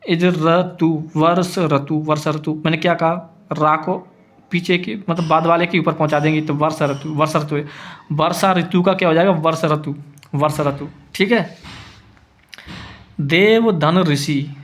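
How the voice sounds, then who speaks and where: A man with a slightly high voice teaches a grammar lesson at a slow, deliberate pace. He repeats every word patiently and asks questions that he answers himself. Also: fairly bright tone.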